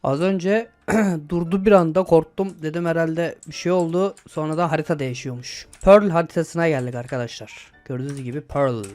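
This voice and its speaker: An excitable young man commentating his own gameplay, with a voice a little higher than most men's. He talks casually, swears and shouts at the game when things go wrong. Faint music plays under his voice. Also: fairly quick. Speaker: gaming YouTuber.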